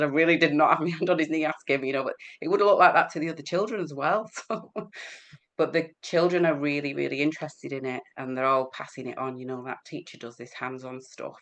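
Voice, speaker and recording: A woman with an English accent, a healer guest in an interview, chatting and telling stories quickly, laughing as she goes. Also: extremely low pitch, steady tone, fairly bright tone. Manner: quick-talking. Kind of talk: casual interview storytelling.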